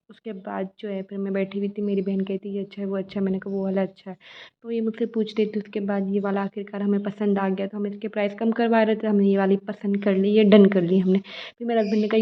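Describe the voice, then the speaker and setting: A young woman tells a shopping story in a fast, chatty flow, her pitch staying flat and even. The recording sounds dull and lo-fi. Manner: chatty, storytelling, quotes shopkeepers and family. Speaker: vlogger. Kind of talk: casual shopping vlog narration.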